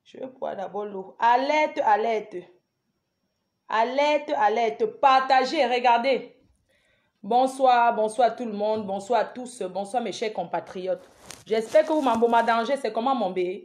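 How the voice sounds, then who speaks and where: Woman chanting rallying calls on a live stream. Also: a little high. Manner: chanting repeated rallying calls, shouting names of viewers; emphatic, scolding asides. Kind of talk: live stream address to viewers.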